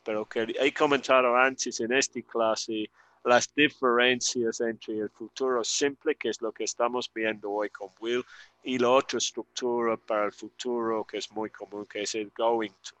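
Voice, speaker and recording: A male teacher walks through a grammar point in an online lesson, speaking slowly and patiently. His tone is bright and forward. The sound is dry and close, with no room around it. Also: medium pitch, fairly even intonation, smooth, no room sound. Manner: patient, explanatory, slow and careful delivery. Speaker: English teacher.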